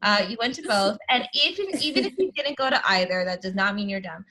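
An American woman hosts a casual podcast recap. Her voice is bright and medium in pitch, with vocal fry. She talks in a chatty Valley Girl manner. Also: animated, fairly quick, slight background noise. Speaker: podcast host.

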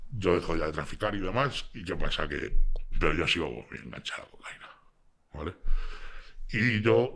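A man with a very low voice and a Spain Spanish accent tells his own story as a podcast guest. He rambles casually and keeps checking that the listener is following him. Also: fairly bright tone. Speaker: guest, former drug trafficker.

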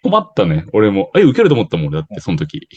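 A man's voice: deep voice, slightly rough, lo-fi sound. A man co-hosting a podcast, chatting casually and teasing his partner. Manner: teasing, quick and lively. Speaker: podcast co-host. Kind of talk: casual banter.

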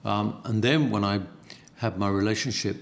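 A man's voice: lowish voice, fairly even intonation, normal speed. A middle-aged man with a Cockney accent, reflecting as an interview guest and often repeating words as he searches for them. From East End of London.

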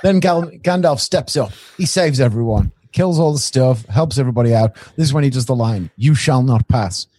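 A man's voice: medium pitch, brisk, hardly any pauses, a little mellow, no echo. A man co-hosting a podcast, chatting casually and a bit ramblingly about a film. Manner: chatty, rambling, with small restarts. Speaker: podcast co-host reviewing a film.

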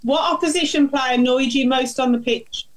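High-voiced Brummie woman asking questions. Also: fairly even intonation, moderate pace, low-quality recording. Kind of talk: quick-fire interview questions.

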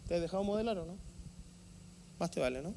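A male pastor delivers a sermon in a notably high voice. He preaches with animated emphasis and sudden loud outbursts, speaking directly to his congregation at a church service. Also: fast, vocal fry, slight background noise.

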